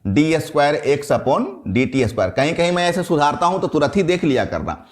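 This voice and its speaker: Male physics teacher, middle-aged, quizzing the class, animated rising and falling delivery. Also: fairly high pitch, brisk. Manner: lively, questions the class and answers himself. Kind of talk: classroom lecture.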